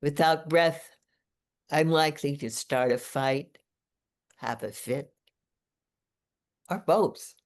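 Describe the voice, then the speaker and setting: Slow, deliberate woman reading poems. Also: deep voice, a little mellow. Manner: slow, deliberate, measured delivery. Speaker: featured poet. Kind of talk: reading her own poetry aloud.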